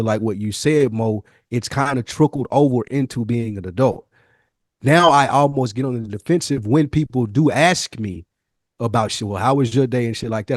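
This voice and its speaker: On a clean, echo-free studio recording, an American man with a mid-range voice co-hosts a podcast. He talks candidly in a casual, reflective way, using slang and the occasional profanity.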